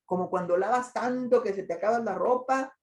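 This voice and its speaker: Older lady giving a talk, warm low-key voice, roomy echo. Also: fairly quick. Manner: conversational, asks the audience rhetorical questions. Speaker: lecturer on migration and grief. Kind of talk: presentation to an audience with slides.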